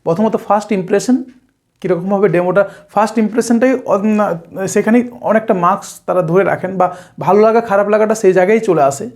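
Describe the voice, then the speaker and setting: A woman with a West Bengal Bengali accent coaching viewers on interviews, pausing often with "uh" fillers and restarts and mixing in English terms. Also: mid-range voice, a little mellow. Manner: hesitant, frequent "uh" fillers and restarts; mixes English terms into speech. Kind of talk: spoken tips lesson to camera.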